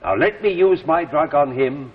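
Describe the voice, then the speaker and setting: An actor playing an earnest, persuasive drug inventor in a 1950s TV drama, urgent and formal. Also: male voice, a little high, lively intonation, moderate pace, slightly rough. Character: earnest, persuasive male stranger pushing his miracle drug. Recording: muffled, noisy old TV soundtrack, reverberant.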